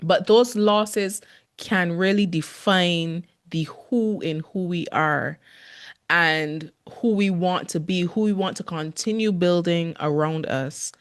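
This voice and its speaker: A woman's voice: fairly low pitch, takes it slowly. A woman in her forties hosting her own podcast, talking earnestly in a reflective monologue, laughing often and drawing out words for emphasis. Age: 40s. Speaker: podcast host.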